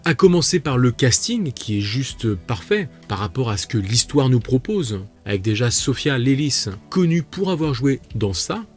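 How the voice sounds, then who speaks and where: A man's voice: mid-range voice, big pitch swings, moderate pace, few pauses, soft background music. A man reviewing a TV series in a casual video, chatty and self-mocking, with jokey asides.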